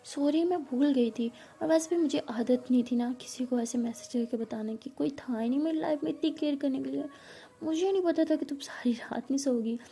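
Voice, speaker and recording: Woman doing quiet soothing teacher lady in a love story, high mellow voice. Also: unhurried, vocal fry, few pauses. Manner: calm, soft-spoken, soothing. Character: calm older woman teacher, reserved and gentle.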